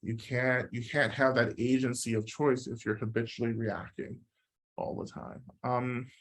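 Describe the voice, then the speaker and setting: A man's voice: mid-range voice, fairly even intonation, a little slow, fairly bright tone. A man teaching a Buddhist practice session, explaining ideas in a reflective way and often checking in with "right?". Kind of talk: dharma talk answering questions.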